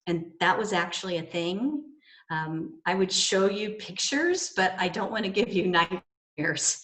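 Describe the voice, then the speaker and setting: A woman minister giving a sermon in a measured, gently wry way. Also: medium pitch.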